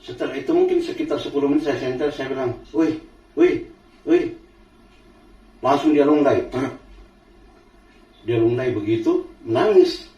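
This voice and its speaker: A man's voice: mid-range voice, sing-song, warm tone, lo-fi sound. Man telling a story from afar in a roomy space. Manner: halting, repeats phrases, clears throat. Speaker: storyteller guest recounting a true experience. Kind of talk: casual spoken storytelling. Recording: roomy, distant mic, faint background noise.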